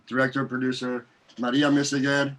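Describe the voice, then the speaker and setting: A man who is a filmmaker, introducing his team in a casual, halting way. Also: medium pitch, flat delivery, a bit bright. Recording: faint noise and clicks.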